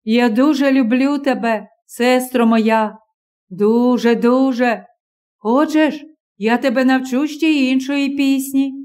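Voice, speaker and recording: A woman reading the part of a strange, moody young man in an audiobook, speaking slowly and drawn out. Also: sits high, fairly even intonation, darkish tone. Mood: tender.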